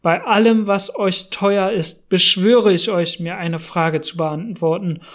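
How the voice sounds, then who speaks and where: A man's voice: high voice, steady tone, slow, a bit bright. A man voicing a grim, vengeful young male hunter in an audiobook, speaking with intensity. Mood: intense.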